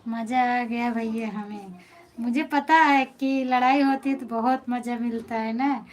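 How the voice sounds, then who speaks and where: A woman with an Awadhi accent hosts her live stream, chatting and teasing viewers by name. Her voice sits fairly high, and she talks in an unhurried way. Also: fairly even intonation. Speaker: folk singer hosting a live stream.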